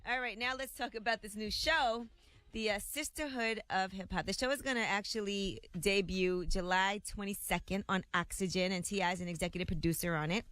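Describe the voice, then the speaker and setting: A woman at a studio microphone runs through the day's celebrity gossip on a morning radio show. Her telling is brisk and chatty, and she acts out the quotes as she goes. Her voice sits in a middle range. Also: mid-range voice, a bit bright, no room sound.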